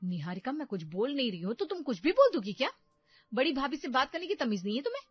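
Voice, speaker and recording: A proud young wife snaps back sharply in her own defense, as a woman voices her. The voice rides high with force. Dry, slightly lo-fi sound. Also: expressive, brisk, dry recording. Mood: indignant. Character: proud young daughter-in-law, quick to anger.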